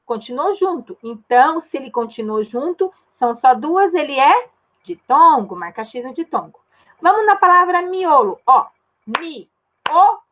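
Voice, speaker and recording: High-voiced Brazilian woman teacher explaining patiently. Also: sing-song, normal speed, phone-quality sound. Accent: Brazilian Portuguese. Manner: patient, explains step by step and checks in with tag questions. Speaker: primary school teacher. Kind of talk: recorded remote grammar lesson.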